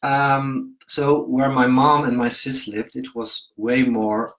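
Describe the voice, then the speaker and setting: A mid-pitched man with a Dutch accent chats on a livestream from a room at home. He speaks calmly and reflectively and stops often to find his words. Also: takes it slowly, poor audio. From Brabant, Netherlands. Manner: calm, reflective, hesitant fillers. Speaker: coaching show host. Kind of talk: casual livestream chat.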